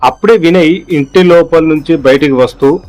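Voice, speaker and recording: A man's voice: a little high, normal speed, darkish tone, faint music behind. A man reading a scripted horror story aloud as narrator, voicing the characters' lines in his own voice.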